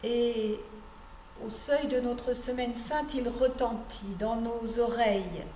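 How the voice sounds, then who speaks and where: A woman pastor giving a measured meditation on a psalm, stressing key phrases and letting her voice drop at the ends of sentences. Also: fairly high pitch, steady tone, dark tone. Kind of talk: slow meditative sermon reading. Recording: echoey room with faint background noise.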